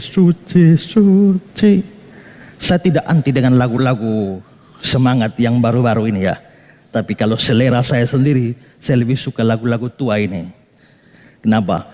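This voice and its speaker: A male pastor preaching an animated sermon, breaking into short sung hymn phrases and answering his own questions. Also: medium pitch. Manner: asks the listeners questions and answers them himself. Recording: long hall reverb.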